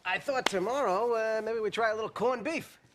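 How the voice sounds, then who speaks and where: A man's voice: high voice, normal speed, noisy background, natural voice. A man playing a flustered nervous employee. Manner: stammering, defensive. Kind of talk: sitcom acting. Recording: TV sitcom audio with laugh track.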